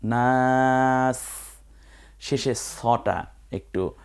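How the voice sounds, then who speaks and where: A man with a mid-range, expressive and darkish voice teaches Quran recitation step by step. He patiently spells out sounds and now and then chants whole words in a drawn-out tone.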